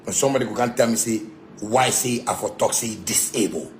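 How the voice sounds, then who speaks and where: Talking fast at medium pitch, a Ghanaian-accented man delivers a hostile rant in Pidgin and broken English, hammering the same points and throwing insults. The recording has echo and background noise.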